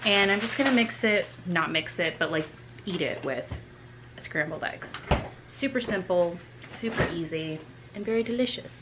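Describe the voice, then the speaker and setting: A young woman chatting casually to camera as a vlogger in her home kitchen, relaxed and full of filler words. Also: fairly low pitch, moderate pace. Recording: home recording with clear background noise.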